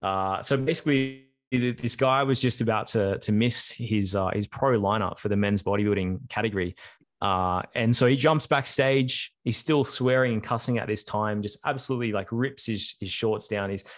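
A man's voice: lowish voice, moderate pace. A young man, co-hosting a podcast and telling a long, rambling story full of fillers. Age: young adult. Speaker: podcast co-host. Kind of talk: casual podcast chat.

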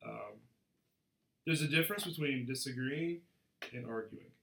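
A man's voice: mid-range voice, measured pace, gravelly, pushed and bright, roomy sound. A young man co-hosting a casual faith podcast, frank and earnest, often repeating words as he starts a sentence. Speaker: podcast co-host.

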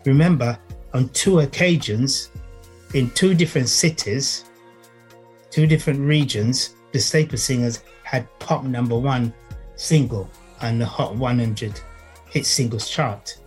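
Man explaining haltingly, medium-pitched voice. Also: a little mellow, faint music behind. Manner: halting, emphatic repetition, checks with "right?" and "you see". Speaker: guest music author and historian. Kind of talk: explanatory conversation.

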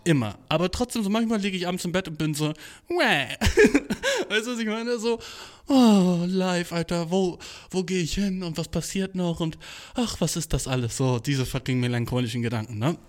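Young male podcaster, slightly high voice, loose slang full of English curses, cheap phone mic. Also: a little fast. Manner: slangy, full of English swearing, "Bro" and "Dude". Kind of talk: casual solo podcast monologue. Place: small makeshift home studio. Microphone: cheap smartphone.

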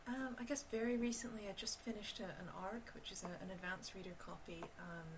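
A woman's voice: mid-range voice, steady tone, brisk. A woman guest chatting casually about books, hesitating as she thinks aloud. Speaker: podcast guest. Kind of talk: casual book chat. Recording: distant mic, clearly noisy background.

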